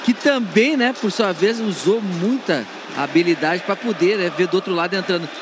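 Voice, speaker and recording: A man giving halting, unscripted match analysis as a football pundit. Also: sits high. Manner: halting, keeps tagging phrases for agreement. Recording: noisy live stadium broadcast.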